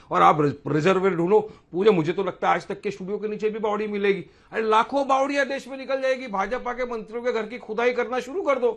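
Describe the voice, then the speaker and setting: A man's voice: high voice, a bit bright. A man speaking as a guest in a televised political debate, heated and sarcastic, often talking over the others. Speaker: panel guest.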